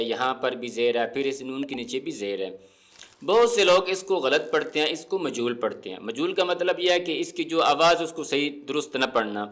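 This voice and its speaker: A man teaching Quran pronunciation, explaining the rules patiently and words slowly to show how to say them. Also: on the high side, a bit bright. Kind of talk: explanatory lesson with slow recitation.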